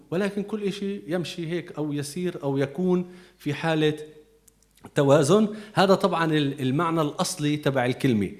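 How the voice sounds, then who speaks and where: A man's voice: medium pitch, a little mellow. A man with a Levantine Arabic accent, giving a conversational Bible teaching as a preacher, explaining patiently and repeating key words.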